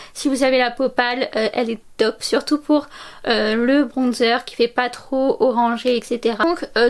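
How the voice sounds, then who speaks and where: A woman in her twenties giving a chatty makeup tutorial, full of fillers and gushing about products. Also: fairly high pitch. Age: 20s. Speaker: beauty vlogger.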